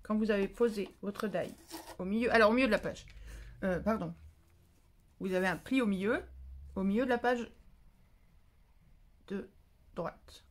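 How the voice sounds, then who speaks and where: A woman's voice: medium pitch, moderate pace, pauses often. A woman giving a casual step-by-step craft tutorial, chatty and often correcting herself mid-sentence. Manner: chatty, self-correcting, stumbles over words; scolds and coos at her cat between steps. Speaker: papercraft tutorial maker.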